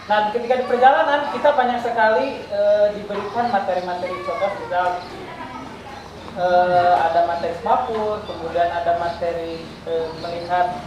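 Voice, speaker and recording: Brief: man in his twenties, teacher from West Java, unhurried storyteller, recorded far from the mic with background noise. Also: sits high, fairly even intonation, muffled recording. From West Java, Indonesia. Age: 20s. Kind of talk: casual school talk. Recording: echoey room, distant mic, noisy.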